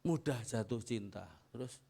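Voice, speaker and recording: A man's voice: medium pitch, expressive, moderate pace, creaky, mellow, breathy edge. A middle-aged man preaching a chatty, anecdotal sermon as pastor, repeating phrases and calling for amens. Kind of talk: conversational sermon.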